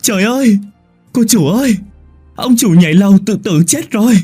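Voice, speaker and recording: A shrill older housemaid, as a male narrator puts her on, her voice pushed far up in pitch and loud. Husky and strained, she cries out across the house in a spoken horror story. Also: animated, moderate pace, faint music behind. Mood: panicked. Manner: shrill, shouting. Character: panicked older female housemaid.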